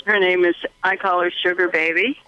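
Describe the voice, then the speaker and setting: A woman's voice: fairly low pitch, steady tone, brisk, clean tone, dry recording, dull audio. A woman calling in to a radio show who speaks hesitantly and agrees readily. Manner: hesitant, agreeable, many small yeses. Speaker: caller. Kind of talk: phone-in call.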